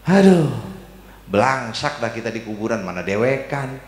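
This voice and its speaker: A man's voice: medium pitch, expressive, moderate pace, a bit bright, slight background noise. A man preaching a humorous sermon, joking and teasing the congregation in colloquial speech. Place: mosque hall. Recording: echoey mosque hall with long reverb.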